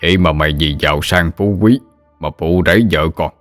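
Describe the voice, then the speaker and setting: A man's voice: low voice, lively intonation, normal speed, soft background music. A man voicing a furious old exorcist father-in-law who scolds harshly and bitterly.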